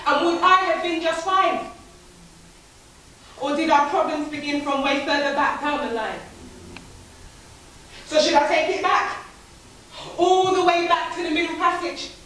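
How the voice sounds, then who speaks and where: A woman's voice: very high-pitched, pushed and bright, heavily acted. An actress performing a spoken-word theatre monologue, playing a young woman haunted by abuse, bitter and defiant, in a rhythmic, rhyming delivery. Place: theatre stage. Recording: echoey hall, taped from far off.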